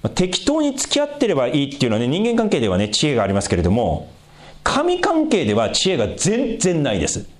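A male pastor preaching in an easy, conversational way. His pitch rises and falls sharply as he stresses points. He turns to the congregation with questions between points. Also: quick pace. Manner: lively pitch swings for emphasis. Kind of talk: sermon.

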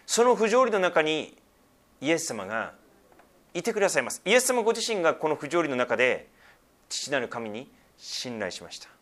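A man's voice: a little high, sing-song, normal speed, a bit bright. A middle-aged male pastor giving a sermon, explaining scripture with frequent asides and a conversational, teaching tone.

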